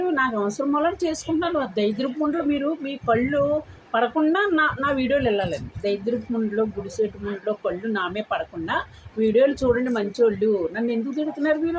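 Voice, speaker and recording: Older woman vlogger, higher voice, coarse scolding rant at viewers. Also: a little mellow, a little hiss or hum, rough recording. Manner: scolding, coarse, repeated insults; addresses viewers with polite "andi" between insults. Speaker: vlogger answering commenters. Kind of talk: angry direct-to-camera rant.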